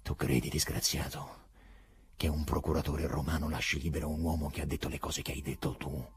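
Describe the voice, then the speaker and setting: A man reading an audiobook, voicing a tormented Roman procurator who shifts between roaring shouts and hoarse, menacing whispers. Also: extremely low pitch, level tone, brisk, full character voice. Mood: hoarse menace. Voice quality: hoarse, voice worn from commands.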